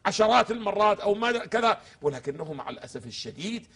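Husky, high-pitched, fast-talking male scholar. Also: big pitch swings, a bit bright. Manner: emphatic, poses fill-in questions to the host; quotes texts slowly and solemnly. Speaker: religious scholar on a TV discussion show. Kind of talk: explanatory religious discussion.

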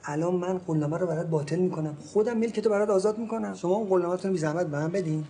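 High-voiced, blustering middle-aged property agent, placating then menacing. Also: male voice, noisy background. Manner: soothing, then blustering and threatening. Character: blustering middle-aged male real estate agent, father. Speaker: real estate agent.

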